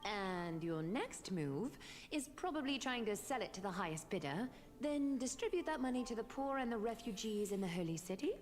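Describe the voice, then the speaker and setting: Woman voicing regal wise game mentor, medium pitch, solemn, breathy, long reverb. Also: animated, normal speed, darkish tone, soft background music, close to an everyday voice. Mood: knowing, composed. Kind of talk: dramatic video game voice acting.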